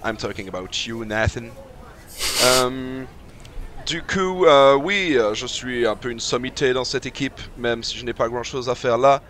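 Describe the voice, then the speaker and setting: A man's voice: mid-range voice, a little slow, background noise, close to an everyday voice. A man playing a boastful celebrity chef in a tabletop game, pompous and dropping phrases into his speech. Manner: pompous, self-important, mixing English phrases. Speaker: player. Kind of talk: tabletop role-play in character.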